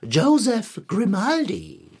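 Pompous philosopher; wordy, lofty delivery, husky tone, mid pitch. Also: female voice, wildly swooping pitch, takes it slowly, darkish tone, exaggerated voice. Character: pompous long-winded philosopher, grumpy at heart. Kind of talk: children's radio play acting.

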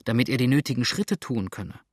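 A man's voice: medium pitch, expressive, brisk, slightly rough, no echo, studio quality. A man reading an urgent young farmer. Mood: earnest.

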